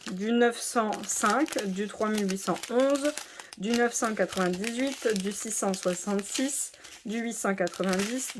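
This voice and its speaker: A diamond painting channel host, a woman with a fairly high voice, calmly walks viewers through a craft kit in a casual unboxing with slight background noise. She's methodical, listing codes and pointing out spots, and chats directly to her audience.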